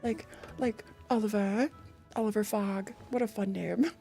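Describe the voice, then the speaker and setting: A woman streaming a game, chatting excitedly and reading game text aloud. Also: medium pitch, a little slow, gravelly, soft background music. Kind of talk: casual live-stream commentary.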